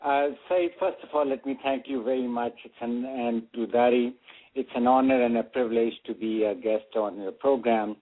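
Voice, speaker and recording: A man's voice: mid-range voice, fairly even intonation, normal speed. Older man from Pakistan, phone-line sound. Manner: rambling, hesitant with many fillers. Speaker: guest. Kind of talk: radio interview answers. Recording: phone-like radio audio.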